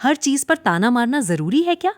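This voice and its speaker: A woman doing a worn-out young daughter-in-law from a cartoon, pleading and pained, her voice lifted a little higher. Dry, close sound. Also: very animated, normal speed, no room sound. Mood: defensive. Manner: pleading, pained, pushing back.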